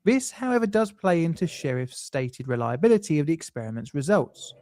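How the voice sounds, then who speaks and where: A man's voice: fairly high pitch, big pitch swings, brisk, darkish tone. Man with a scripted narration. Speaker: documentary narrator.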